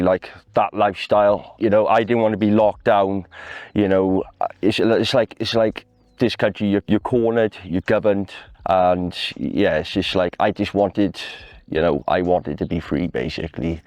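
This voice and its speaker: Low-voiced Welsh man, chatting candidly. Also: darkish tone, dry recording. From Wales. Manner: conversational, with frequent "you know" and "like" tags. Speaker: van dweller being interviewed. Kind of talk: casual, candid talk.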